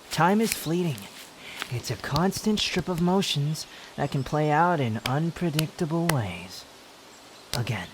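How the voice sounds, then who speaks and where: Haughty, higher-voiced Wanderer, acted by a man. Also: noisy background, natural voice. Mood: grudgingly tender. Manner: sardonic, scolding, theatrical delivery with sighs. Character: sharp-tongued, haughty, teasing youthful-looking immortal male wanderer. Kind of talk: roleplay audio drama for a listener.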